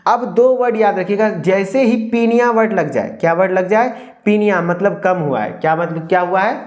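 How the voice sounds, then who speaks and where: Repeating key terms and answering his own questions, a young man with a Hindi accent teaches an exam-prep pharmacy lecture. His voice sits high and is a little mellow, at a normal speed.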